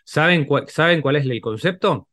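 A man's voice: on the high side, expressive, normal speed, a bit bright. Uruguayan man explaining, full of tag questions. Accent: Rioplatense Spanish, Uruguayan. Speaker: psychologist guest. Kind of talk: casual podcast conversation.

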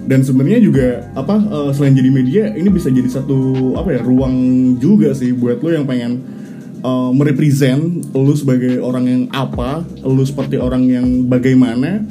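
Young man, mid-pitched, casual podcast talk. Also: steady tone, moderate pace. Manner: informal, slangy with English mixed in. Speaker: podcast co-host. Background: music.

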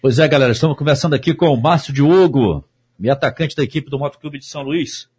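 A Brazilian man with a husky voice hosting a casual sports interview. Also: a little high, fast talker, darkish tone. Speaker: sports show host.

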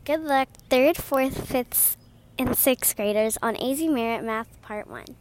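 A woman's voice: on the high side, unhurried. A woman announcer reading scripted morning announcements for a school.

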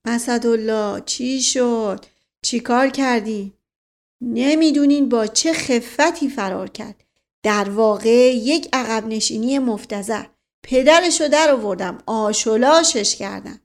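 A woman's voice: a little high, lightly acted. A woman voicing a witty, mischievous middle-aged nobleman who teases and mocks in a storybook reading. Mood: teasing. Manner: lively, mocking.

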